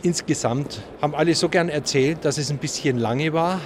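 A man, a school head, giving a short interview statement in a relaxed, folksy way. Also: fairly high pitch, moderate pace. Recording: noisy on-location recording.

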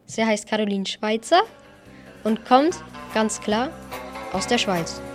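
A woman presenting a scripted school news segment in a lively, playful way. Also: fairly high pitch, slow pace, music in the background.

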